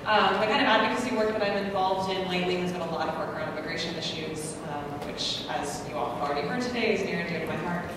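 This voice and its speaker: This fast-talking American woman, with a fairly low pitch and few pauses, is a conference panelist who sounds earnest and self-deprecating despite many ums. The recording is distant, echoey and noisy, as in a large hall.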